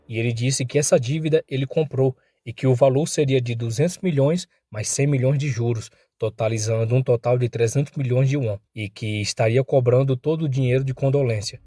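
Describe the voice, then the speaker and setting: Brazilian male recap narrator, mellow, mid-pitched voice; acts out the lines with bursts of pitch. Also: dry recording, studio quality. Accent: Brazilian Portuguese. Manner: voices thug dialogue with rising pitch and force.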